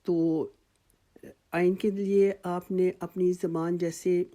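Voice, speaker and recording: A woman with a Pakistani Urdu accent giving a tajweed lesson. She explains each sound patiently and stretches the example words out slowly. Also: lowish voice, flat delivery, dark tone. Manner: patient, drawn-out demonstration of sounds. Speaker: Quran recitation teacher.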